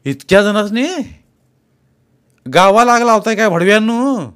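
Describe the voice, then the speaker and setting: A man voicing a gruff, bossy middle-aged village landowner, scolding his farmhands. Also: high-pitched, moderate pace, pitched above the performer's own voice, close to an everyday voice.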